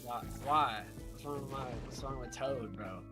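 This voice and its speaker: A young man joining a friend's gaming stream, excitable and quick to exclaim while he plays. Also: mid-range voice, over music. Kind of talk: casual gaming stream chat.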